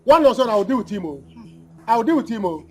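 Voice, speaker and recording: A man's voice: very high-pitched, sing-song, quick pace, darkish tone, soft background music. A Nigerian man acting a defiant, hot-headed village brother in a film drama, belligerent and repeating his threats. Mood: defiant, threatening.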